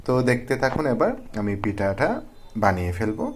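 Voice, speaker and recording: A man's voice: fairly low pitch, expressive, fairly quick, slight background noise. A young man from Bangladesh, a cooking vlogger, walks through a recipe step by step in a friendly, casual way.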